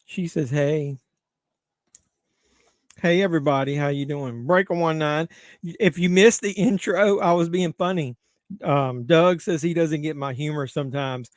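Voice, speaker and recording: Casual watch-along host, man, middle-aged, raunchy joking, a bit high-pitched, dry room. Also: measured pace, no echo. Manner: crude, joking banter with chat. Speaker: livestream host.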